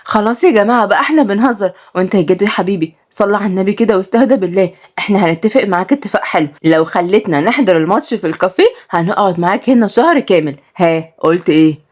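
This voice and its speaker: A woman voicing a sharp-tongued, bossy young granddaughter in an Egyptian accent. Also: lively intonation, racing, few pauses, lightly acted. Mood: soothing. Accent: Egyptian Arabic. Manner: scolding, shrill.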